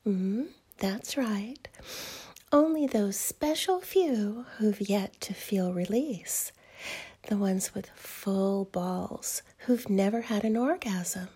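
A woman voicing a teasing, doting adult female fairy in a whispered audio roleplay, with a soft breathy whisper and slow, coaxing delivery. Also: mid-range voice.

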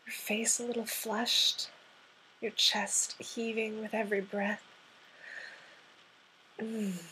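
Slow, soft-whispering woman. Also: a little high, a little hiss or hum, rough recording. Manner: soft, half-whispered, coaxing and gently commanding. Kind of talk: intimate audio roleplay addressed to the listener.

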